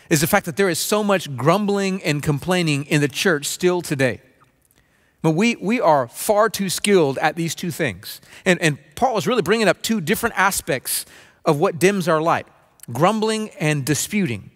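A man in his forties preaching a sermon from a stage, earnest and conversational, often restarting phrases and mimicking a low grumble. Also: fairly bright tone. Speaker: pastor. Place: dim stage with spotlights, seated at small table.

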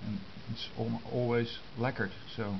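Speaking flatly in a mid-range voice, this amateur radio enthusiast from the Netherlands goes through hand-drawn diagrams in short phrases separated by pauses. His casual tutorial was caught on a compact camera's internal microphone, so it sounds dull, with noticeable hiss.

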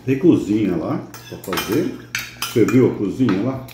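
A man's voice: on the low side, sing-song, normal speed. A man chatting casually at home, asking a small child simple, curious questions. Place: indoor home kitchen. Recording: echoey kitchen, faint dish noise.

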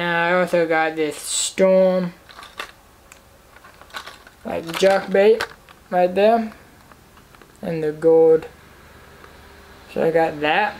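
A young man casually showing off fishing tackle he bought, talking in a halting, rambling way with lots of fillers, recorded at home in his living room. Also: high voice, background noise. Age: young adult. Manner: rambling, halting, repeats himself with many fillers. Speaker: fishing vlogger. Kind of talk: casual tackle haul show-and-tell.

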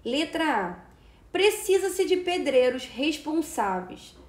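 A woman's voice: high-pitched, big pitch swings, takes it slowly, darkish tone. A Brazilian Portuguese-speaking woman teacher giving an exam-prep lesson, explaining step by step and checking in often with short tag questions. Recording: roomy echo.

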